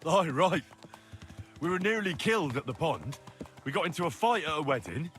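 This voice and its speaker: An actor playing a good-humoured young squire in a video game, a loyal companion with a wry, teasing manner. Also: male voice, a little high, sing-song, normal speed, a bit bright, faint music behind. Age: young adult.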